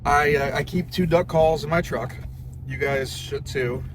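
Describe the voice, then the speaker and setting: A young man who calls ducks as a hobby teaches the skill in a casual, informal, plain-spoken tutorial. His voice is fairly high with fairly even intonation, and he speaks a little slowly. Car noise and ambient sound fill the noisy recording.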